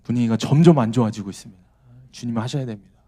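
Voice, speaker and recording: A male pastor preaching at a church service, swinging between forceful raised appeals and hushed near-whispers, firing rhetorical questions at the congregation. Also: mid-range voice, racing. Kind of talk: Friday evening revival sermon.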